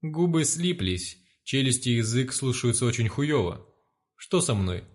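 A male storyteller narrates in the first person. His delivery is blunt and sardonic, heavy with swearing. His pitch sits right in the middle for a man. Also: big pitch swings, normal speed. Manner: crude, profane, sardonic.

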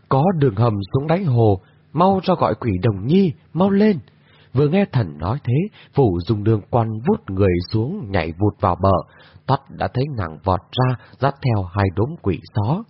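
Husky man reading a dramatic story. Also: fairly low pitch, no echo. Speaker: narrator. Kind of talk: scripted storybook narration. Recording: dull lo-fi recording.

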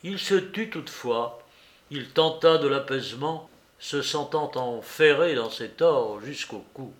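An audiobook reader with a mid-range voice narrates a classic novel aloud. His delivery is measured and expressive.

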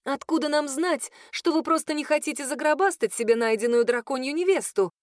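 A woman voicing a sharp, sensible young woman in an audiobook, reasoning aloud. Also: high-pitched, fairly quick, dry recording, studio quality, voice pushed up, natural voice.

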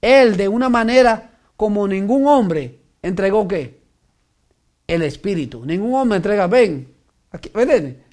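A man's voice: high voice, lively intonation, unhurried, darkish tone. A man preaching a sermon, reading scripture aloud and asking his listeners rhetorical questions, now and then slipping the English word "so" into his speech. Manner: preaching with frequent rhetorical questions, code-switching "so"; reads scripture aloud, then swells in emphatic bursts.

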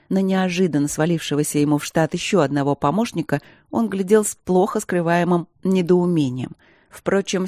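A narrator reading a novel aloud in an even, measured way. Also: medium pitch, dry recording, clean studio sound. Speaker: audiobook narrator. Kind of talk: scripted narration.

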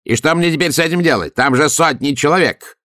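A man voicing a scheming, excitable Italian police chief, a count who wheedles and then bursts into loud shouting. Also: medium pitch, fairly quick, no echo, studio quality. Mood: furious. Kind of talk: audiobook character voice.

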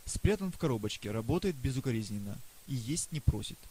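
A man voicing a boastful, excitable old male astronomer professor in an audiobook reading. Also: mid-range voice, close to an everyday voice, rough recording. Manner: lively, boastful, rapid questioning. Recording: faint hiss.

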